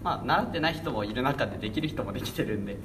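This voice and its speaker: Animated young man, noisy distant recording. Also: medium pitch, very fast. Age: late teens. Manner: polite speech. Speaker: radio talk participant. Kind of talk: casual group chat. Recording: distant mic with clear background noise.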